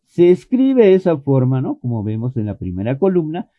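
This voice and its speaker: A man's voice: medium pitch, wildly swooping pitch, normal speed, no echo. A man teaching an online English pronunciation lesson, patiently explaining and repeating vowel sounds as demonstrations. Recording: thin phone-like dry audio.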